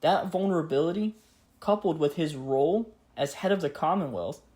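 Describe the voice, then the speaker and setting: A man giving a scripted history narration in a grave, measured, earnest way, as a podcast host. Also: on the high side, dark tone. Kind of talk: scripted history narration with a solemn read-out speech.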